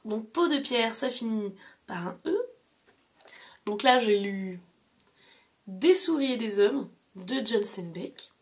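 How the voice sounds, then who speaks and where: A woman's voice: fairly high pitch, lively intonation, slow, long pauses. A young woman chatting casually to camera as a book vlogger, listing the books she has read with frequent fillers. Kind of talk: casual reading-challenge vlog.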